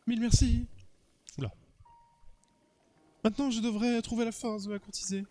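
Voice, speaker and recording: A bashful, dreamy young man from a video game, all nerves and longing, speaking in a fairly high voice as a man reads his lines aloud. His delivery is earnest and sighing, and he is too shy to act on his crush. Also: steady tone, normal speed, warm tone. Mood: lovestruck. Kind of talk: reading game dialogue aloud.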